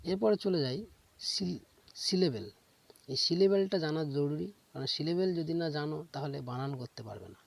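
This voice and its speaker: A man teaching an English grammar lesson, explaining step by step, asking questions and answering them himself, and slowly repeating key words. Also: fairly high pitch, expressive, vocal fry, no echo. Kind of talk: classroom lecture.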